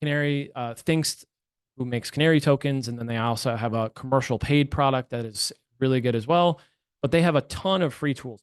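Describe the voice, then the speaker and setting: A man's voice: mid-range voice, dry recording, studio quality. A man presenting a webinar as a penetration tester, talking casually and correcting himself as he goes. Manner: chatty, uses filler words and restarts, self-corrects often.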